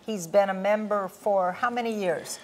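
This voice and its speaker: Woman asking interview questions, quick little reactions, slight background hiss. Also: mid-range voice, a little mellow. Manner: short prompts and reactions. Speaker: interviewer, club president. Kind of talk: friendly interview host.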